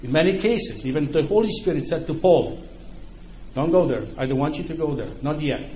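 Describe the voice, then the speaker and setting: A middle-aged man with a warm, somewhat high and expressive voice delivers a slightly fast sermon to a congregation. He is from Poland, speaks Ukrainian natively, has a Polish accent, and keeps the tone conversational, often checking in with listeners. Faint background noise and echo are present in the room.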